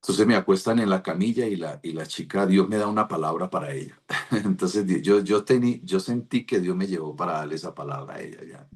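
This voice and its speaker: A man's voice: deep voice, brisk, slightly rough. A man, a pastor, telling a rambling devotional testimony over a video call. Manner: rambling storytelling with restarts.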